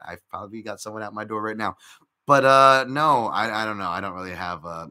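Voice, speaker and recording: Chatty and reactive to viewer comments, this live-stream podcast host rambles through betting picks with lots of fillers and false starts. He has a lowish, pushed, bright voice and talks fairly quickly.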